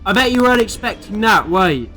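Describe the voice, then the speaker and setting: A man's voice: high voice, animated, quick pace, pushed and bright, soft background music. A man playing an eccentric, clever alien time-traveller in a sci-fi audio drama, theatrical, playful and sure of himself. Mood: triumphant, taunting. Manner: theatrical, playful, self-assured.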